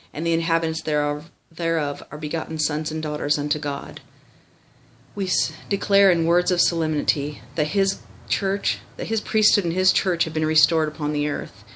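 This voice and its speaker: A medium-pitched voice recites a religious text by rote. The delivery is that of formal memorized recitation. Now and then a word slips and gets corrected. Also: fairly bright tone, slight background noise, low-quality recording. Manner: formal recitation with small stumbles and self-corrections.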